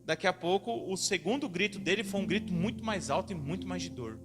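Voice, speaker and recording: A man's voice: high voice, expressive, brisk. A man, a pastor in his thirties, preaching a sermon, telling family stories and asking the congregation to answer back. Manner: storytelling with acted-out family voices.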